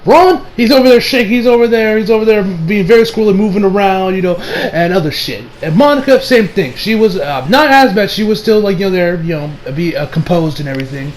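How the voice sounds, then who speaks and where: High-voiced man rambling commentary. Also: lively intonation, brisk, slight background noise, low-quality recording. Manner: rambling, heavy on fillers, swears casually. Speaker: online commentator. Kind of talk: casual ranting commentary.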